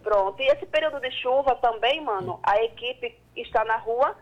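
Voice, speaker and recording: A woman's voice: on the high side, moderate pace. A woman calling in to a radio show over a phone line that keeps cutting out, speaking affectionately to the host. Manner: affectionate, calls the host dear. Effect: breaking-up phone line. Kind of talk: call-in phone chat. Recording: muffled cutting-out phone call.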